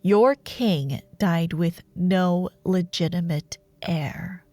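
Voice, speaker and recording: The dark warlord sorceress of this roleplay audio drama is played by a woman with a lowish voice, recorded dry. She taunts in a theatrical, sardonic, imperious way with lingering pauses, and her mood is teasing and revealing.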